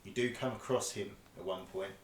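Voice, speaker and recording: A man narrating as game master of a tabletop game, describing rooms and rolls in a relaxed, rambling way. His voice sits at an everyday pitch and is heard from a mic some distance off, with a roomy echo and a faint hiss behind him. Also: fairly quick. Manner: loose, conversational describing with fillers.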